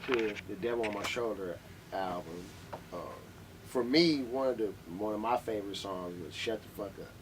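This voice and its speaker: A man's voice: on the low side, moderate pace. A man from Milwaukee who interviews in a rambling, casual way. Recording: faint background noise.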